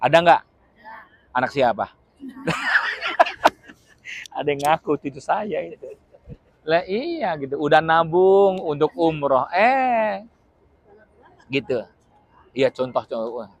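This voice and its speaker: A male Islamic preacher giving a lively, humorous religious lecture, often asking his listeners questions and acting out little scenes. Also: fairly high pitch, slow, pauses often. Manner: acts out short dramatic quotes with shouts.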